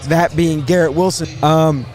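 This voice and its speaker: A man hosting a casual live sports draft show, thinking aloud in a halting way and repeating words as he goes. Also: on the high side, fairly even intonation, darkish tone, soft background music.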